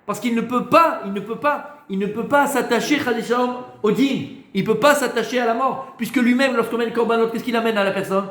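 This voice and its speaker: High-pitched rabbi guy teaching a class, lots of "euh", echoey room. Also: brisk, hardly any pauses, fairly bright tone. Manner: asks questions and answers them himself; hesitant fillers and repeated words. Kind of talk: Torah class to students.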